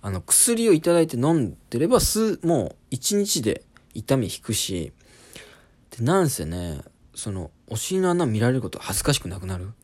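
A man's voice: medium pitch, sing-song, moderate pace, darkish tone. A man in his twenties, a comedian hosting a podcast, telling an embarrassing story in a casual, self-deprecating comic monologue. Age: 20s.

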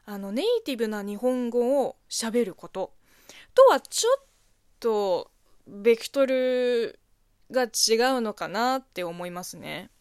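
Lively woman podcaster. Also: fairly high pitch, a little slow, smooth, no room sound, studio quality. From China. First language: Chinese. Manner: chatty, expressive, answers listener letters. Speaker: podcast host. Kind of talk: casual solo radio talk.

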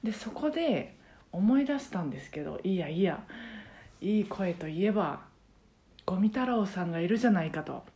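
A woman's voice: medium pitch, lively intonation, moderate pace, dark tone. A woman with a Kansai accent, a karaoke teacher talking casually and at length on her own podcast, rambling with many fillers. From Japan. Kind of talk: casual solo podcast chat.

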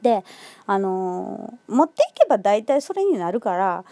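Kansai woman, solo chat host; bouncy, expressive delivery, laughs a lot, close and dry. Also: medium pitch, measured pace, dry recording. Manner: chatty, laughs often, many fillers. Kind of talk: casual solo monologue.

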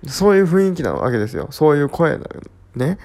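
A man's voice: fairly high pitch, sing-song, fast talker, gravelly, a little mellow. A sleepy man hosting his own talk show, telling a rambling, repetitive story full of sound words in a casual solo chat. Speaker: podcast host.

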